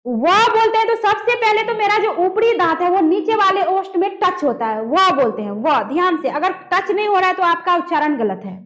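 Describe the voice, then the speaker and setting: A woman's voice: very high-pitched, fairly bright tone. A woman teaching a grammar lesson, demonstrating sounds aloud and quizzing her students. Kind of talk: classroom lesson on pronunciation.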